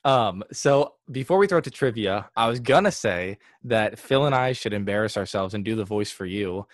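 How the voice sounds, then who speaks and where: A man's voice: fairly low pitch, animated, moderate pace, dry recording, clean studio sound. A man co-hosting a casual interview podcast in a jokey, self-deprecating way. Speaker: podcast co-host. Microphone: video call.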